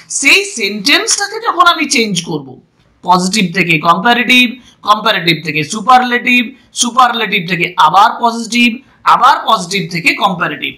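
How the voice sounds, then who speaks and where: A woman speaking with a Bengali accent gives a classroom grammar lesson, working through each point slowly and answering her own questions. Her voice is bright and a little high, and it rises and falls in a lively way. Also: low-quality recording. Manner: slow, explaining step by step, asks and answers own questions. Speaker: English grammar teacher.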